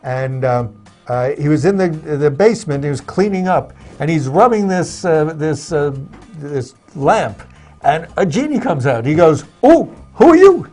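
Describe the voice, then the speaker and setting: A man's voice: fairly high pitch, animated, unhurried, darkish tone, soft background music. A man co-hosting a talk show in casual chat, teasing his partner with playful banter. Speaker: co-host.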